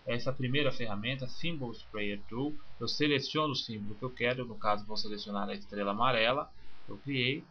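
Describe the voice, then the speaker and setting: A man's voice: mid-range voice, brisk. Man talking through a screencast. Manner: relaxed, talks through each click step by step. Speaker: software instructor. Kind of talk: screencast tutorial. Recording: slightly muffled with faint hiss.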